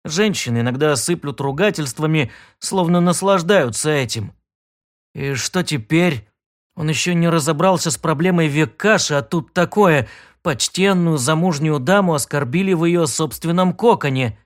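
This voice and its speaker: Male audiobook narrator, somewhat high voice. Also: moderate pace. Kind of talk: scripted narration.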